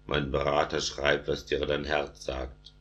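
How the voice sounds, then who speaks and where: A man's voice: very deep voice, monotone, a little slow, a bit bright, a little hiss or hum. A man voicing a weary, despairing tsarina in a read-aloud epic poem. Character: grieving orthodox tsarina, woman ruler.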